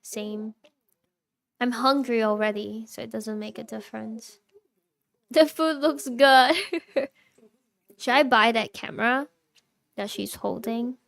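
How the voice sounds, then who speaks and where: A woman's voice: fairly high pitch, steady tone, takes it slowly, creaky, pauses often, a bit bright. A young woman streaming live, chatting casually with her viewers, reacting and laughing often while answering chat.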